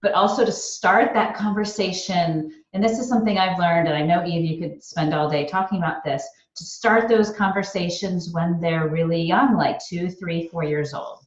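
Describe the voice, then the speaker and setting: A woman's voice: lowish voice, normal speed, hardly any pauses, echoey room, lo-fi sound. A woman podcast host chatting with a guest, enthusiastic and casual, with lots of "like" fillers. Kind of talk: casual interview chat.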